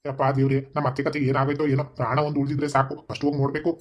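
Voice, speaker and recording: A man voicing a fearful, scheming son-in-law in an animated comedy, pleading in a flat rapid way. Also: mid-range voice, lo-fi sound, lightly acted. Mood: harried.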